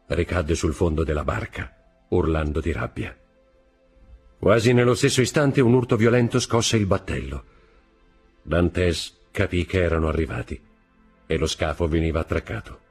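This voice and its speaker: Male audiobook narrator, low voice, lively pitch, faint music underneath. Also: breathy edge. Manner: slows for dramatic moments. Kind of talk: scripted literary narration.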